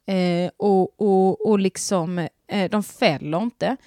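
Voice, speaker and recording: Young woman, casual podcast chat, rambling, fillers, giggly, middle pitch, dry close sound. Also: mellow, dry recording. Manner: chatty, rambling with many fillers and restarts; giggly, gushing. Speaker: podcast host chatting with live chat.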